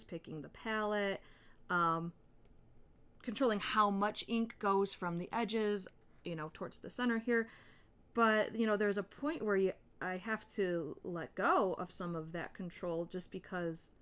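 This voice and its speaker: A woman in her thirties hosting an art tutorial, chatting in a relaxed way while she colors, with soft murmured asides. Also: medium pitch. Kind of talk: casual chat while coloring.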